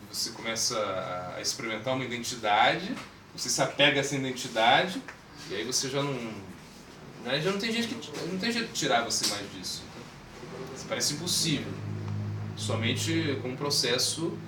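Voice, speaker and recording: Taking on a swami role, a man gives an easygoing spiritual talk, questioning his audience and acting out voices. His voice is mid-range, pushed and bright. Recorded in an echoey room with a distant mic, the audio is noisy.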